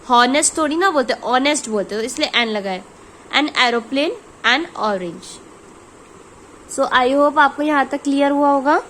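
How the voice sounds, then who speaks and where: A young Indian woman teaching a grammar lesson to children, explaining slowly and carefully as she switches between Hindi and English. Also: sits high, a bit bright, slight background noise, poor audio.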